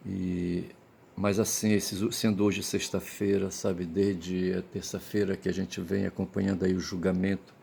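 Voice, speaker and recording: Hungover man for casual rambling commentary; deep, creaky voice, halting delivery. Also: level tone, a little mellow, slight background noise. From Brazil. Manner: halting, repeatedly checks with tag questions. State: hungover, tired. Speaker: vlogger giving commentary.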